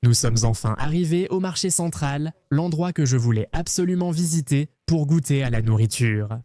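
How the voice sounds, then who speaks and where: A man from Argentina hosting a travel vlog, talking in an excitable, playful, jokey way. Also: fairly high pitch, normal speed, no echo. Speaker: travel vlogger host.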